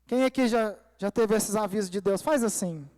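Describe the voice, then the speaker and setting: A man preaching a sermon at a church service, his voice sitting fairly high for a man. He tells a personal story and turns to the congregation to address them as brothers. The sound carries the long reverb of a large church hall. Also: normal speed, darkish tone. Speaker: pastor.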